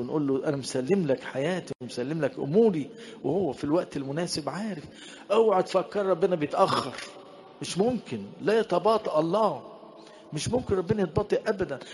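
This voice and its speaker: A man with an Egyptian Arabic accent preaching a sermon, repeating verses slowly and answering his own rhetorical questions. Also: mid-range voice, darkish tone.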